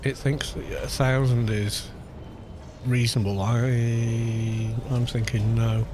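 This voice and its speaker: Speaking slowly, a baritone man gives easygoing live-stream commentary while playing a game, muttering to himself between remarks. Background noise and game music sit behind his voice, recorded on a studio mic with a low cut.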